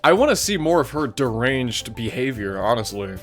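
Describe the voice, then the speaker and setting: Brief: young male gamer, mid pitch, excitable casual commentary over soft game music. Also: normal speed. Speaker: let's play host.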